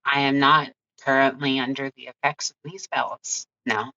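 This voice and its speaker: A haughty pony mage from another world with a formal, affronted way of speaking, as a woman puts her on. Her voice is low and bright, heard through a dull, muffled recording. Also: level tone, moderate pace, no echo, exaggerated voice. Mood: composed.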